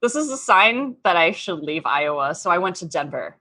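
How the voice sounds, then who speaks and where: A thirty-something Australian woman is a guest on a podcast, chatting casually and using lots of "um" and "like." Her low-leaning voice is bright and forceful, with big pitch swings, at a normal speed.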